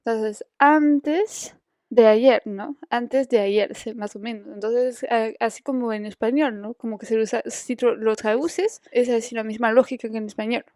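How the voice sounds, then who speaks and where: A woman from France with a French accent, a native French speaker, teaching a language lesson in Spanish and slowly repeating phrases for her students. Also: fairly high pitch, steady tone, a little mellow, no room sound, studio quality. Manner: slow, patient, repeats phrases.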